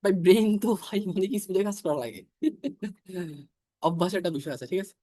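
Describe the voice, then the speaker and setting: A man teaching an IELTS class, explaining grammar step by step, repeating English examples slowly and checking in often with his students. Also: sits high, animated, dark tone, no room sound. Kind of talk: online class lecture.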